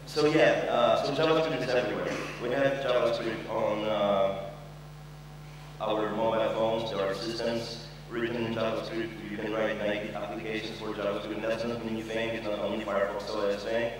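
Speaking in a lowish, flat voice at normal speed, a young man from Poland delivers a jokey, laid-back conference talk peppered with fillers and a stray swear word. He's captured from a distance in a big, echoey hall with an audience and plenty of background noise.

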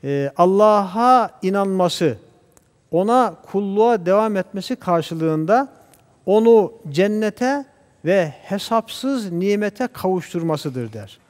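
A man speaking as a guest scholar on a religious TV program, talking in a measured, preacher-like way and reciting Arabic verses. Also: high-pitched, lively intonation, a little mellow, long reverb tail. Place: TV studio.

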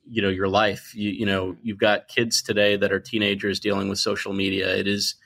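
Bright-voiced man in his forties, emphatic. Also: on the low side, a little fast, creaky. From United States. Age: 40s. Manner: emphatic, animated storyteller who acts out quotes. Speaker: podcast guest. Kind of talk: conversational interview.

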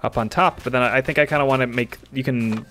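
A man playing a game on stream, chatting in a relaxed, chuckling, mock-defensive way. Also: mid-range voice, quick pace, a little hiss or hum. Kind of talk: casual chat while gaming.

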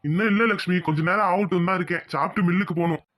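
A woman voicing a calm, patient middle-aged husband in a cartoon, soothing his worried wife. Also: on the low side, racing, slight background noise, lightly acted.

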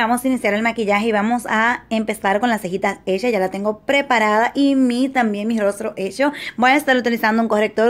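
A young woman narrates a makeup tutorial, speaking fondly to her viewers. Her voice sits a little high, and her talk is chatty and full of little diminutives. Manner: affectionate, chatty, lots of diminutives. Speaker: beauty vlogger.

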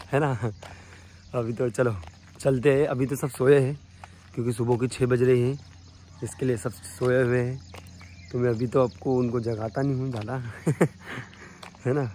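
A man's voice: medium pitch, level tone, measured pace, long pauses, mellow, slight background noise. A man with an Indian Hindi accent vlogging casually outdoors around his family house, chatty and upbeat as he talks to his viewers. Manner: chatty and upbeat, addresses friends. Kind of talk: casual vlog, home tour. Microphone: handheld phone camera.

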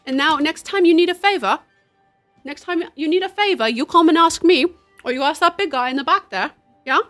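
Swaggering street tough, mock British slang, lower than her own voice, put on by a woman streamer. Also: brisk, a bit bright, faint music behind.

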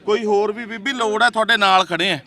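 A man's voice: high voice, steady tone, brisk. A man on an aid team comforting an older woman and urging her not to cry. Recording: outdoor crowd chatter behind.

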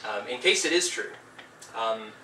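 A man's voice: fairly low pitch, expressive, a little slow, pushed and bright, slight background noise. A man giving a formal debate statement in an earnest, preachy, rebuking way. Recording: echoey room, distant mic, faint ambience.

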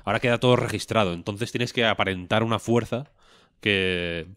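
A man's voice: fairly low pitch, moderate pace, a bit bright, no room sound, clean studio sound. A man, co-hosting a podcast in casual chat, rambling and joking with a lot of swearing. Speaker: podcast co-host.

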